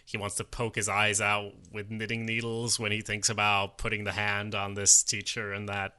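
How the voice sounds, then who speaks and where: A man's voice: on the low side, completely flat delivery, normal speed, bright, forceful tone, clean tone. A man co-hosting a podcast, chatting casually about a TV episode, rambling and swearing now and then. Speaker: podcast co-host. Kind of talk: casual TV recap chat.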